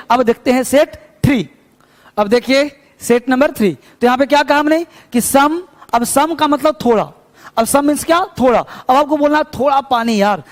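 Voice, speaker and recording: A man teaching English to Hindi speakers, who explains patiently, repeats phrases and keeps asking the class whether they follow. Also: very high-pitched. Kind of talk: spoken English lesson. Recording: long reverb in the room.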